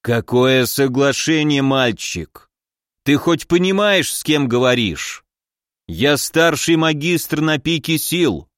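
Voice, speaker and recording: Man doing a slow, gruff arrogant prince. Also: on the high side, animated, fairly bright tone, no room sound, studio quality. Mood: haughty. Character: arrogant powerful middle-aged male prince and mage.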